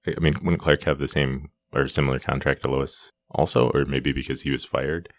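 Male co-host, extremely low voice, hesitant TV-talk musing. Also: steady tone, normal speed, no echo. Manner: hesitant, unsure, thinking aloud. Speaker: podcast co-host. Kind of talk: casual TV discussion chat.

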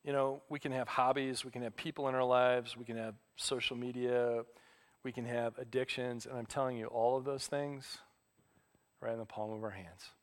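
A middle-aged man preaching as a pastor, telling stories in a relaxed, self-deprecating way. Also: mid-range voice, normal speed. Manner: conversational, self-deprecating storytelling. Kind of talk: sermon.

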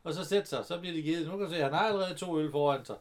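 A man chatting casually while watching a film, explaining what happens with dry remarks. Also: a little high. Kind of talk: casual chat.

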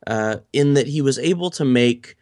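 A man's voice: mid-range voice, moderate pace, a little mellow, no echo, studio quality. A man co-hosting a podcast, telling stories in casual chat with frequent fillers and restarts. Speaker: podcast co-host.

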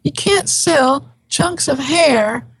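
A woman voicing an exasperated grown child scolding her mother, with her formant shifted up into a higher voice, pleading and scolding. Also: slow pace, vocal fry, big-room sound, full character voice, rough recording.

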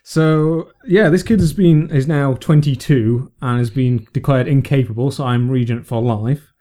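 A man's voice: mid-range voice, unhurried, mellow. A man co-hosting a casual podcast chat, rambling and self-mocking, with plenty of fillers. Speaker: podcast co-host.

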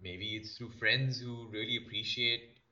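A man hosting a podcast, talking in a reflective, measured way and prompting his guest with questions. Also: medium pitch, steady tone, sharp tone. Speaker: podcast host. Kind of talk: casual podcast chat. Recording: slightly muffled lo-fi recording.

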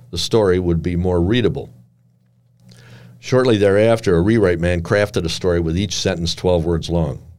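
An older man reading his own memoir aloud with measured, dry and wry storytelling. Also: low-pitched, darkish tone.

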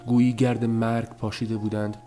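A man narrating a story as an audiobook, in a measured, subdued telling. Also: fairly low pitch, level tone, over loud music.

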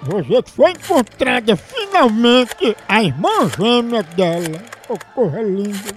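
High-voiced teasing radio prankster. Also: male voice, big pitch swings, unhurried, faint music behind. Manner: teasing, playful, goading. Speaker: radio prank show host. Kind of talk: comedic prank call.

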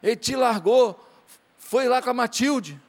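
A pastor with a high-pitched voice preaches at a measured pace, animated as he slips into little acted exchanges with his congregation and rises into fervent calls to action. The long reverb of a church hall rings around his words.

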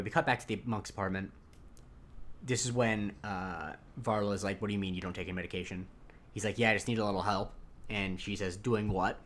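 This podcast co-host is a man with a mid-range, slightly bright voice. He recaps an episode in casual, rambling chat full of fillers and restarts.

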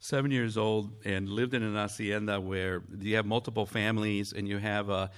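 A man from Mexico giving a conversational church sermon, earnest and halting as he speaks. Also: on the low side, fairly even intonation. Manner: earnest, halting with frequent fillers. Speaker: pastor.

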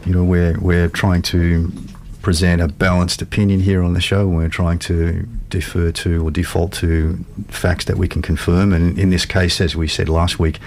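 A man co-hosting a radio show, explaining current affairs in a measured, tentative, conversational way. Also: deep voice, little pitch movement, darkish tone.

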